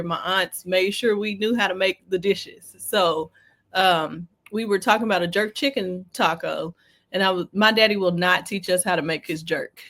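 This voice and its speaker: A woman's voice: medium pitch, fairly bright tone. A woman from Kentucky who runs a food truck, chatting casually and laughing easily. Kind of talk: casual chat.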